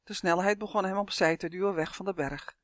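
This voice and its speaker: Storybook narrator, woman, lively expressive read; dry close recording. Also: medium pitch, fairly quick, dry recording.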